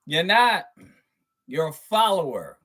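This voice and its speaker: Lively, slow-talking preachy man. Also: fairly high pitch. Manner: profane, preachy, emphatic; chuckles between points. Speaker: channel host. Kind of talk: spiritual monologue to viewers.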